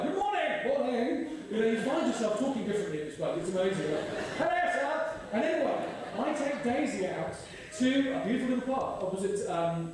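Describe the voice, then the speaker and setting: Pastor preaching in an echoey hall. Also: male voice, high voice, far from the mic. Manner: animated storytelling with self-deprecating humour. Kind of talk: sermon. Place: large church hall.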